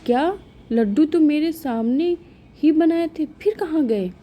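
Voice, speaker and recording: A woman voicing a strict, sharp-tongued middle-aged mother-in-law in a storybook tale, scolding and raising her voice. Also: on the high side, unhurried, highs cut off. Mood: upset.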